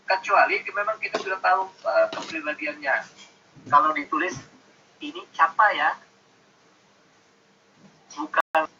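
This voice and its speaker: A man's voice: fairly high pitch, gravelly, pushed and bright, highs cut off, a little hiss or hum. A man giving an online university lecture, explaining patiently with many fillers and acting out example intonations. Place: home, online class.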